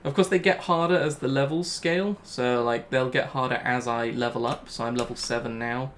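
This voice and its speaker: A man's voice: mid-range voice, fairly even intonation, fairly quick, background noise. A young man talking through his gameplay live, thinking aloud and repeating himself when things go wrong. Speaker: gaming channel host.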